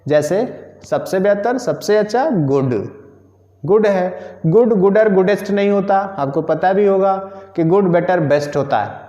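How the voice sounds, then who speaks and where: A man's voice: high voice, lively intonation, unhurried, mellow. A man teaches a grammar lesson, patiently repeating each rule and spelling words out letter by letter. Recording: roomy, echoing and dull lo-fi sound.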